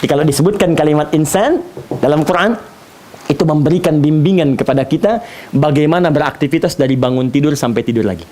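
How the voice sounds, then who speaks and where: A man preaching an animated sermon lecture, using playful asides for the audience. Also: on the high side, fast. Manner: animated, playful imitations of foreign speakers. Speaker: Islamic preacher. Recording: faint hiss.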